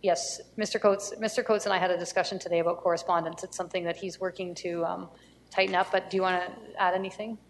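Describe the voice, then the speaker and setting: A woman chairing a council meeting, running motions and votes in a brisk procedural way with some fillers. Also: fairly low pitch, level tone. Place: council chamber. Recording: long reverb, faint room noise, council chamber.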